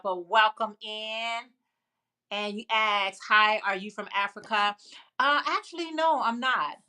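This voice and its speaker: A woman with a Chicago accent hosts a casual live chat, her medium-pitched voice clear, resonant and sharp in tone. As a livestream host she's chatty and rambling, responding to viewer comments with many fillers and restarts.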